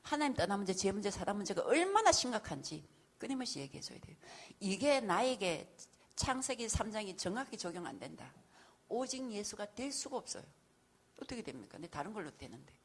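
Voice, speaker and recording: Middle-aged woman, husky and lively, church teacher. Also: mid-range voice, brisk. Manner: animated storytelling, acting out quotes, frequent laughs. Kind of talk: lively sermon lecture.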